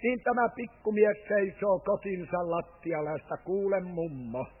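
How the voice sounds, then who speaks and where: A man preaching a sermon, telling a story and then rising to fervent, loud calls to his listeners. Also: high-pitched. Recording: tinny old radio broadcast with long hall reverb.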